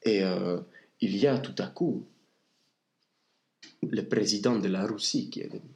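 A man telling a comic story as a radio columnist, animated and acting out the characters he meets. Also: fairly low pitch, a little slow, echoey room.

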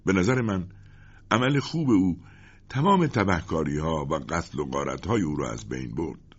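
A man voicing a calm, resolute young commander in a storybook reading. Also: rumbling low, husky, dull audio, heavily acted. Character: young noble-hearted male commander.

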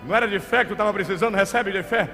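High-voiced preacher shouting in tongues. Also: male voice. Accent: Brazilian Portuguese. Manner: alternates hushed rapid speech with shouted commands and bursts of tongues. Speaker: pastor. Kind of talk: charismatic deliverance preaching with speaking in tongues. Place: church service. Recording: reverberant hall with faint background music.

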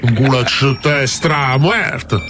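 A man's voice: medium pitch, slow, over music, natural voice. A man putting on a dim, stubborn caller with a southern Italian accent, grunting terse, repetitive vulgar slang. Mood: dull, provoking.

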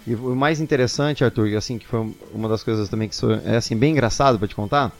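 A man's voice: medium pitch, fast, soft background music. A young man, a singer telling a personal story casually and animatedly, acting out what people said. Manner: animated, quotes people in excited voices.

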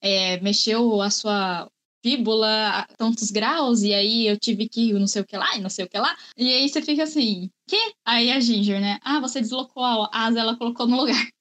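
A woman's voice: on the high side, moderate pace, a bit bright. A woman in a casual film discussion, chatty and explaining at length.

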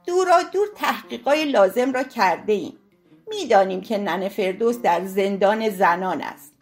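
A woman's voice: mid-range voice, lively intonation, soft background music, close to an everyday voice. A woman voicing a dramatic, gossipy aristocratic older lady telling a breathless tale.

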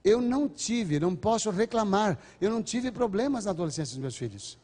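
A man's voice: sits high, big pitch swings, fairly quick, darkish tone. An older man giving a lecture on parenting to a large audience, earnest and acting out exchanges between parents and children. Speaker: speaker on parenting. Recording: long hall reverb.

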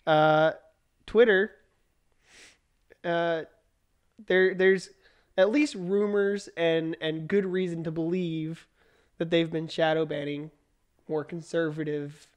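A man with a fairly high, smooth, clear voice talks through current events with a co-host. He is opinionated and talkative, circling back and restarting sentences as he thinks aloud. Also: steady tone, slow, long pauses, highs cut off. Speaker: podcast co-host. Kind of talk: casual political chat.

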